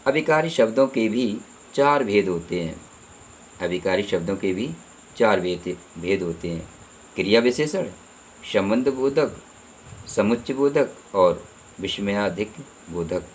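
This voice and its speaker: A man's voice: lowish voice, expressive, unhurried, slight background noise, poor audio. A man teaching a Hindi grammar lesson, repeating terms and asking the listener rhetorical questions.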